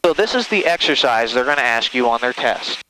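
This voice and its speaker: A man teaches flying hands-on from inside a small airplane in flight, speaking over an aviation headset amid engine noise and radio. He coaches step by step, reassures the student, and repeatedly confirms understanding with short tag questions. His mid-range voice is animated, fairly quick, pushed, and bright.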